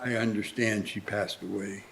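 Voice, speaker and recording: A man playing old Scrooge, a newly humbled miser with halting, formal old-fashioned speech, in a live radio play. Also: fairly low pitch, steady tone, creaky, fairly bright tone, a little hiss or hum, low-quality recording. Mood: gentle, hesitant. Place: live community theatre stage.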